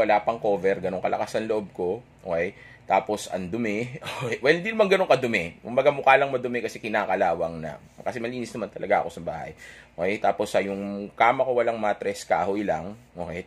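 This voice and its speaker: A young man with a fairly low voice tells a personal dating story straight to his listeners. He wanders and corrects himself as he goes, and he tags almost every point with a quick "okay?" to keep them with him. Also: breathy edge. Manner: keeps checking in with "okay?"; chatty, rambling, self-correcting. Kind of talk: casual storytelling to an audience.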